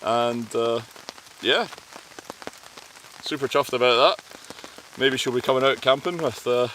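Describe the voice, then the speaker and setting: Rain pours over a woodland camp as this outdoor vlogger talks casually beside his campfire, laughing easily. He has a mid-range voice and a slow pace, and his Scottish accent carries traces of time spent in Cornwall and Canada.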